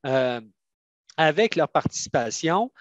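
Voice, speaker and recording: With a fairly high pitch and an animated manner, this Canadian man speaks with a Quebec French accent as a union adviser on an online panel. His answers come methodically and haltingly, and the echo-free recording has its highs cut off.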